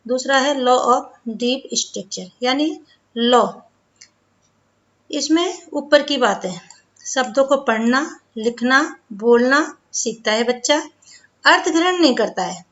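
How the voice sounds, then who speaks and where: A woman tutor giving an online lesson, explaining slowly and repeating key terms. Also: sits high, a bit bright, dull audio.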